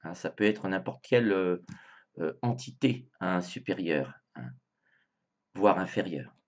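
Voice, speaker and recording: A man's voice: sits low, measured pace. Hesitant man commenting, full of fillers. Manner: hesitant, many filler sounds and restarts; animated, indignant asides. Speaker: video host commenting on song lyrics. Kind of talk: casual spoken commentary.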